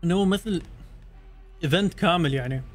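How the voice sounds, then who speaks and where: A young man with an Iraqi Arabic accent rattles off casual stream chat at a quick clip, his voice sitting a little high. He fields viewers' questions in an easy, talkative way, with soft music playing underneath. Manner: rapid and chatty, answers viewers' questions. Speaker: gaming streamer.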